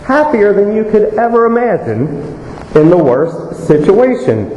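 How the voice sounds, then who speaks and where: A man's voice: sits high, sing-song, a little slow, dark tone. A man giving a conversational homily as a priest, plain-spoken and anecdotal, his voice echoing in a church. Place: reverberant church. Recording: echoey church reverb with faint noise.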